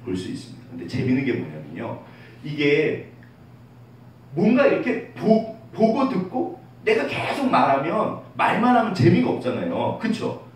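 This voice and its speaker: Lively pastor preaching in an echoey church. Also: male voice, a little high, moderate pace. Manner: lively, asks the congregation questions and answers them; drops to a soft hush when quoting God. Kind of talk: sermon. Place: church sanctuary. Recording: very echoey, distant, faint room noise.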